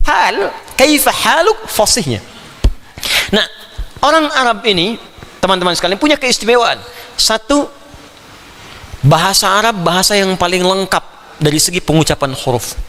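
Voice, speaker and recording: A man preaching a Quran commentary lecture to an audience, animated and playful, slipping into imitations of foreign phrases. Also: sits high, moderate pace, long pauses, big-room sound, slight background noise. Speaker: Islamic preacher.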